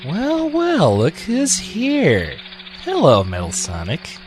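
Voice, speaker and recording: An actor playing a suspicious, hot-tempered echidna guardian in an amateur radio drama, blunt and sarcastic. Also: male voice, high-pitched, wildly swooping pitch, takes it slowly, heavily acted. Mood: hostile, sarcastic. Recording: noisy home recording.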